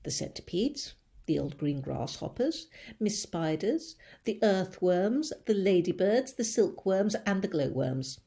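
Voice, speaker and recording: A woman teacher reading a children's book aloud with expressive storytelling. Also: mid-range voice, a little slow, breathy edge.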